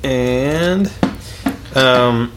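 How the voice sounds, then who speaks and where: A man's voice: mid-range voice, drawn-out words, heavy background noise. Easygoing man co-hosting a beer podcast. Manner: easygoing, chatty, folksy sayings. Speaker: podcast co-host. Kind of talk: casual beer-tasting chat.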